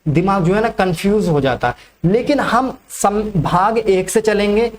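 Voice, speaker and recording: This male teacher's exam-prep lecture comes in a high, unhurried voice, with a little hiss or hum in the recording. He keeps answering his own questions, restating the key facts and frequently tacking on "ठीक है".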